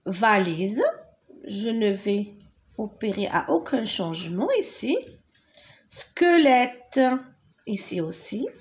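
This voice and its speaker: A woman teaching a French lesson, spelling out words syllable by syllable and repeating them slowly. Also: medium pitch, lively intonation.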